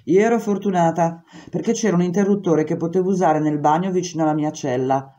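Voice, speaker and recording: A woman reading a memoir aloud in steady, measured first-person narration. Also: on the low side. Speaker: reader.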